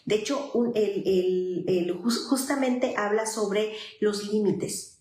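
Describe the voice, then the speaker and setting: A woman's voice: mid-range voice, slow, darkish tone, reverberant. Earnest Mexican woman psychologist. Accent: Mexican Spanish. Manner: earnest, speaks directly to parents, many fillers. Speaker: psychologist giving parenting advice. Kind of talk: informal advice talk to parents.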